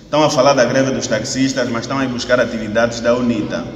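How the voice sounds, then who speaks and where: Speaking at a hall podium, a man in his thirties with an Angolan Portuguese accent delivers an opposition party press statement, repeating phrases, posing rhetorical questions, and eventually shouting. His pitch is medium and his intonation fairly even, and he talks fast. A distant camera captures the podium mic's sound with echo and faint background noise.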